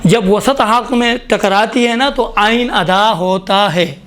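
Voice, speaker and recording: A man with a fairly high voice teaches pronunciation to a class. He explains patiently and keeps asking his students questions. At times he moves off the mic as he writes. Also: a bit bright. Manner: patient, questioning, often says "look". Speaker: tajweed teacher. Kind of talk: classroom lesson.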